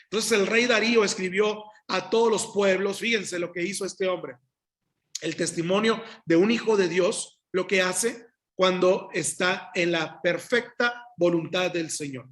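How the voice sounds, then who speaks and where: High-voiced preacher reading scripture. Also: male voice, unhurried, a bit bright. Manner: reads scripture aloud and comments to the congregation. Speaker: pastor. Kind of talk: sermon. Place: church.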